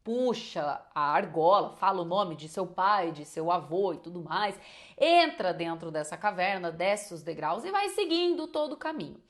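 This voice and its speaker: A woman telling a fairy tale in a casual, animated way, full of rhetorical questions. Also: lowish voice, moderate pace. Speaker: storyteller. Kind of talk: casual storytelling.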